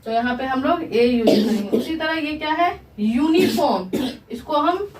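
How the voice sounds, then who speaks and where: A woman's voice: sits high, animated, darkish tone. A woman English teacher giving a grammar lesson, asking her students questions and answering them herself. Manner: slow, repeats questions to the class and answers them. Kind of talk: grammar lesson explained in Hindi. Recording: echoey room, voice from far.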